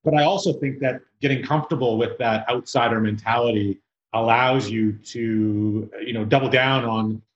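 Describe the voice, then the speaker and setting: A man from South Africa hosting an interview podcast, talking reflectively and haltingly, with repeated words. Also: medium pitch, fairly even intonation. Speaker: podcast host. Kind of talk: casual interview chat. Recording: roomy, dull sound.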